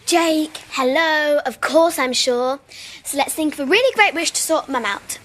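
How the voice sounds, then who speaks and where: A woman's voice: high voice, normal speed, fairly bright tone. A female actor playing a confident, bossy young girl in a children's television drama, breezy and assured.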